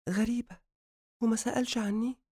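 A man voicing a worried, gentle young woman with an Egyptian accent in an audiobook, speaking softly. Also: very high-pitched, fairly even intonation, brisk, no echo, clean studio sound, voice pushed up.

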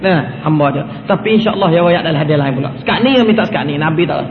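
A high-pitched man delivers a colloquial religious lecture and repeats his phrases for emphasis. His voice rings through a big echoey hall with a long tail of reverb. It comes through thin and phone-like over a faint hiss. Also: fast. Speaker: preacher.

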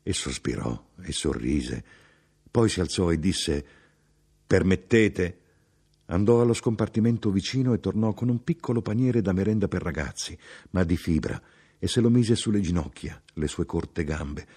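A man giving a measured, expressive literary audiobook reading. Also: low voice, slightly rough. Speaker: audiobook narrator.

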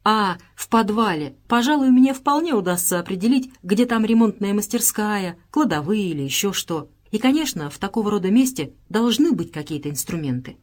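Woman reading male engineer, audiobook, determined, brisk earnest self-talk, mid pitch. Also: expressive, lightly acted. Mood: thoughtful. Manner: talks to himself in brisk, earnest bursts. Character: practical, determined male engineer surviving alone. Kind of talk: audiobook character voice.

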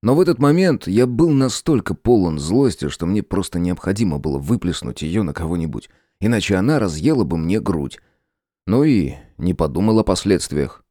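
A man reading a first-person audiobook in a gruff, sardonic storytelling manner. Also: low-pitched, very animated, normal speed, dark tone, no room sound, studio quality. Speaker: audiobook narrator.

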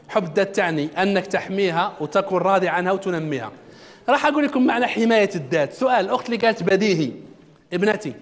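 A man giving a self-development lecture in a classroom, asking the audience questions as he goes. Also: high-pitched. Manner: religious quotations in the talk. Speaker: trainer.

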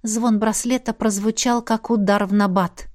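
A woman narrating a first-person fantasy audiobook with a lively, expressive reading. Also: mid-range voice, normal speed.

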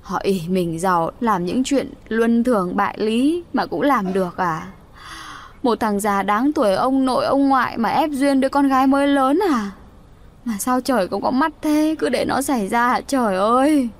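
A woman's voice: a little high, normal speed, natural voice. A woman narrator voicing a grieving village mother who laments and accuses, her voice raised above her narration. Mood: lamenting.

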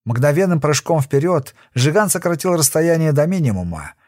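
Man narrating an audiobook, dramatic, lively pitch, slightly high voice, dry close recording. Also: moderate pace, dry recording. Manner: dramatic, expressive. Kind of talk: scripted narration.

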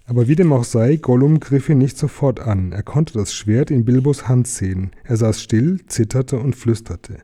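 A man calmly reading a children's fantasy book aloud as narrator. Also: medium pitch. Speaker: audiobook reader. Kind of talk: storybook narration.

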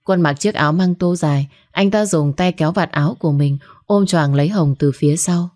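A woman's voice: sits low, fairly quick, dark tone. A woman narrating an audio story and voicing every character herself.

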